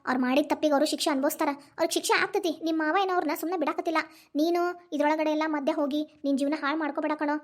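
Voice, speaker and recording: In a North Karnataka Kannada accent, a woman performs cartoon voice acting as a tearful, protective mother grieving and reunited with her son. Her high-pitched voice moves very fast with fairly even intonation, and the acting is light.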